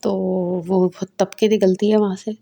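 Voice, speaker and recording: A woman with a Pakistani Urdu accent talks through a drama episode in a relaxed, conversational recap. Her tone is mellow and warm, at a middle pitch. Now and then she slips into the characters' lines as she retells the scenes. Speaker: drama reviewer.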